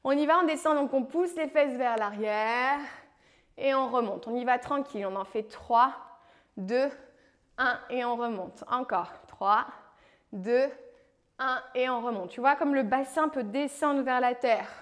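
A woman's voice: high-pitched, unhurried. A woman from France coaching a home leg workout, calling out moves and counting reps with playful encouragement. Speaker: fitness coach. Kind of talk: guided home workout instruction.

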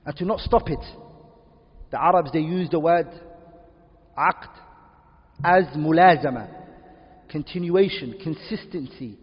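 A man's voice: on the high side, husky. Male teacher, quizzes the room often, lo-fi echoey classroom recording. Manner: quizzes students with repeated questions; repeats key terms slowly. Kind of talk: classroom lesson. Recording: dull distant audio in echoey room.

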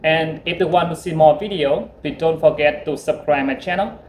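A man's voice: on the high side, normal speed, darkish tone. A young man, a non-native English speaker, presenting an instructional seafaring vlog and making procedural radio calls. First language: not English. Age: young adult. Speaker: seafarer and vlogger. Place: small indoor room aboard a ship. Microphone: phone at arm's length. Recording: echoey cabin with faint noise.

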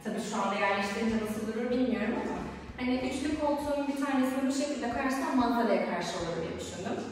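A woman's voice: fairly high pitch, expressive, quick pace, slight background noise. A woman in her twenties chatting casually to viewers as she gives a home tour. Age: 20s. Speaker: vlogger giving an empty home tour. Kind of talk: casual vlog chat to viewers. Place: empty apartment rooms, indoors. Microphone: camera or phone a few steps away. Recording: very echoey empty rooms, far from mic.

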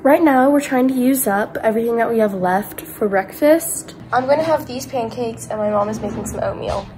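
Moving between a condo's indoor rooms and a car, a teen vlogger cheerfully walks through the day's plans into an arm's-length phone for her casual travel vlog. She speaks at normal speed with a fairly high, darkish voice over slight background noise.

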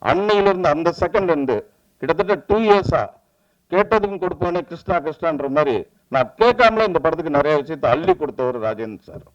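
A man, a film director giving an animated press meet speech and acting out the lines he quotes. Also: a little high, fast talker, lo-fi sound. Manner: animated storytelling, acts out quoted dialogue.

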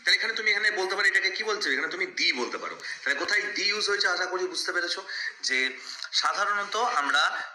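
Male English teacher, fairly high, very bright tone, slow drawn-out example words, echoey room. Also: animated. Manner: repeats examples slowly, drawing out English words. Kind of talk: explanatory lesson.

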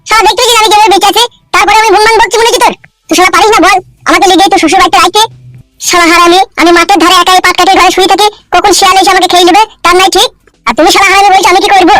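A man voices a homeless, self-pitying, foul-mouthed village character in a comedy cartoon, whining and ranting in a rural West Bengal accent with an aggrieved mood. His voice is very high-pitched, level in tone, and very fast, with music in the background.

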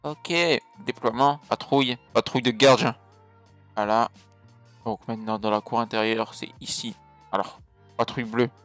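A man's voice: mid-range voice, little pitch movement, normal speed, no echo, soft background music. A man giving casual let's play commentary, joking around and swearing often as he plays. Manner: crude, swears a lot, jokey. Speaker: gaming video creator.

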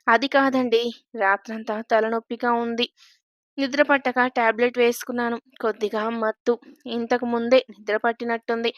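A woman's voice: fairly high pitch, little pitch movement, normal speed, dry recording, dull audio, close to an everyday voice. Woman narrator as a timid, apologetic young wife. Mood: meek. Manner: soft, apologetic.

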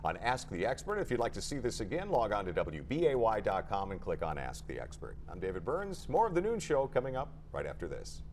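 A man's voice: lowish voice, wildly swooping pitch, fairly quick, few pauses. A middle-aged man hosting a TV studio interview, with a polished broadcast delivery. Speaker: TV talk show host. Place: TV studio set.

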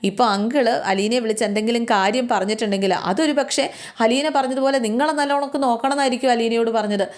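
A woman's voice: a little high, fast, pitched above the performer's own voice, natural voice. A woman voicing a level-headed young man who scolds in a firm, stern manner. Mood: scolding.

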